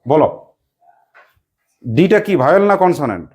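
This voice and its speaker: A teacher giving a classroom lesson, quizzing pupils with repeated questions and briskly praising correct answers. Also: mid-range voice, big pitch swings, a little mellow.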